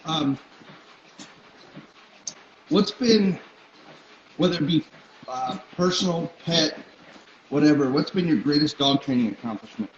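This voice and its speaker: A man with a slightly higher voice hosts a casual interview. The sound is roomy and a little dull, and he talks conversationally as he asks his questions. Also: measured pace, long pauses. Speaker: interview host. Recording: muffled, roomy, noisy audio.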